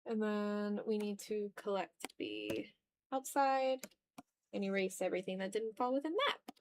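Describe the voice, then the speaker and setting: Her voice is mid-range, expressive and a little slow as she draws on a livestream. A streamer and digital artist, she chats casually in a slangy, playful way, split between muttering to herself and talking to viewers.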